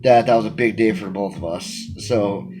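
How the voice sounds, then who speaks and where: A man's voice: fairly low pitch, normal speed, music in the background, low-quality recording. A man in his thirties, a wrestling manager answering interview questions he reads aloud, talking emphatically into a phone camera in a small room at home. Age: 30s. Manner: energetic, emphatic, gestures a lot. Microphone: phone camera at arm's length.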